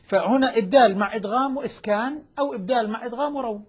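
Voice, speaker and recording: Quick, husky-voiced man teaching recitation. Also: very high voice. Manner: measured, demonstrates pronunciation. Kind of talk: explaining recitation rules on a broadcast.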